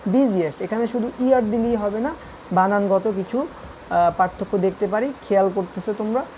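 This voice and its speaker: A woman with a Bangladeshi accent leads an online grammar lesson, walking her students patiently through each rule. Her voice is soft and mellow rather than bright. A faint hiss of background noise sits under the recording. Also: medium pitch, low-quality recording. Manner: patient, explains step by step to students. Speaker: English grammar teacher.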